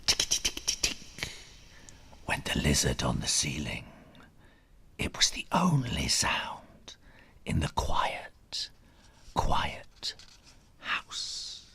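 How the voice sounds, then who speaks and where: A bass-voiced man with a sharp, breathy tone reads a children's story aloud, his pitch swooping wildly as he takes it slowly and pauses often. The theatrical, suspenseful reading stretches words, dips into whispers, and plays with onomatopoeia and repetition.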